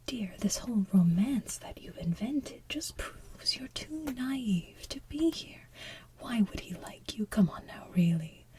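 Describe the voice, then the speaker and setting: A woman voicing a smothering, manipulative villain mother from an animated musical, in soft whispered singing. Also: on the high side, unhurried. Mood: mocking.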